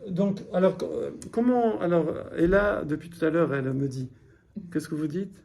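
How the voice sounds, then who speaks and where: Mellow-voiced man teaching a class. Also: a little high, animated, normal speed. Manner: patient, explains step by step and quizzes the class. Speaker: Hebrew teacher. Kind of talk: classroom lesson.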